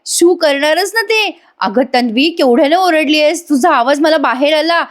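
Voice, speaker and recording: A woman voicing a brisk, motherly middle-aged mother-in-law who chides the younger ones. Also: sits high, expressive, voice pushed up. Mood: chiding. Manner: brisk, chiding.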